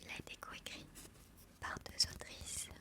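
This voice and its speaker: A woman speaks entirely in a soft library whisper. Her delivery is hushed and unhurried, in the style of an ASMR host presenting books and reading out their blurbs. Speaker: ASMR book channel host.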